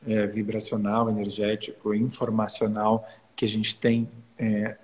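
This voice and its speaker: A man hosting a live-stream interview. He affirms his guest warmly and tags his questions with "né". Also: lowish voice, completely flat delivery, unhurried. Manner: warm and affirming, with frequent tag questions.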